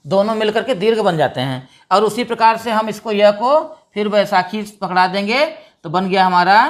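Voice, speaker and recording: Patient woman teaching grammar. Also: mid-range voice. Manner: patient, asks questions and answers them herself. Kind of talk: explanatory classroom lesson.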